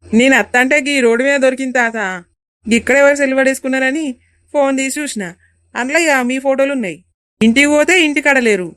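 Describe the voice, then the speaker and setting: A woman's voice: high-pitched, quick pace, a bit bright, clean tone, dry recording, studio quality. A woman doing an eager village boy. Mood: helpful. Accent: Telangana Telugu. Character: polite young village boy. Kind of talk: animated comedy voice acting.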